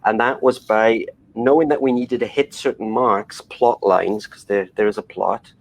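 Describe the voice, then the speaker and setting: In a dry recording, a middle-aged animation director from Wales answers interview questions in a rambling way, full of restarts and fillers. His voice is fairly low and creaky, with a steady tone at a normal speed.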